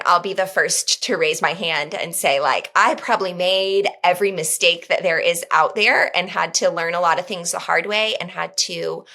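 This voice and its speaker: A woman in her thirties, a podcast guest speaking in an earnest, reflective way with frequent pauses and fillers. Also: lowish voice, bright, forceful tone. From United States. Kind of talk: podcast conversation.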